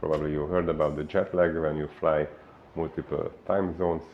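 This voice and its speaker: Very deep-voiced Hungarian man, gravelly. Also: level tone, phone-quality sound, a little hiss or hum. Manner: unhurried, many filler pauses. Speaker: fitness coach. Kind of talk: explainer talk to camera.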